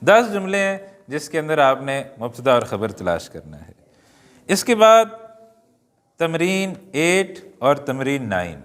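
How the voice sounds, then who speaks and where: A man teaching an Arabic lesson, reading words slowly and adding joking asides to his students. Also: fairly high pitch, big pitch swings, fairly bright tone. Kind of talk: classroom-style lesson. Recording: long hall reverb.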